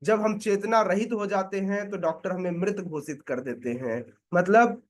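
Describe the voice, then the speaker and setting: High-voiced male preacher teaching a scripture class, patient and full of rhetorical questions. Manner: asks rhetorical questions and checks listeners follow; explains slowly with many pauses. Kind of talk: devotional scripture lecture.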